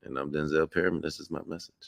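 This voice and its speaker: A man's voice: extremely low pitch, fairly even intonation, very fast, vocal fry. A man speaking as a guest on a live-streamed talk show over a video call, laid-back and keeping it simple. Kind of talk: casual chat.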